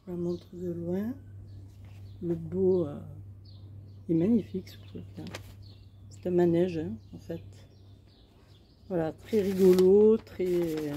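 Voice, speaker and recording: Unhurried chatty woman, mellow low voice. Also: steady tone, slight background noise. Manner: chatty, hesitant, many fillers. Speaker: crafting vlogger. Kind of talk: casual show-and-tell haul. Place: outdoors in sunshine.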